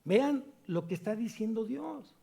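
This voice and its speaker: High-voiced mellow man preaching. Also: expressive, gravelly. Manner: preaching with rhetorical questions to the congregation; slow emphatic reading of scripture. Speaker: pastor. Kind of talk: sermon. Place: church service.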